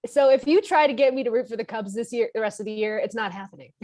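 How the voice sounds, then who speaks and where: A woman's voice: on the high side, fast, darkish tone. A woman co-hosting a casual sports podcast, giving blunt, opinionated takes. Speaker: podcast co-host.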